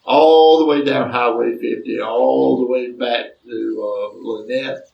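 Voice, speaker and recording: Gravelly Southern storyteller man. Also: medium pitch, fairly even intonation, takes it slowly, dull audio. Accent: Southern US, Alabama. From Chambers County, Alabama, US. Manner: folksy, drawling, chuckling asides. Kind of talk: folksy storytelling. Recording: roomy, distant from mic.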